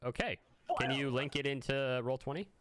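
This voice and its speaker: A man's voice: medium pitch, normal speed, a bit bright. A man running an online tabletop roleplaying game as game master, narrating and explaining in a descriptive way.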